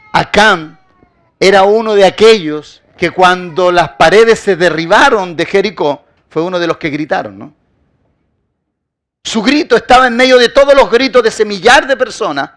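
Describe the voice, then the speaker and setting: In a high-pitched voice, a pastor preaches, driving his points home with rhetorical questions and emphatic repetition and often letting phrase endings sink to a quiet hush.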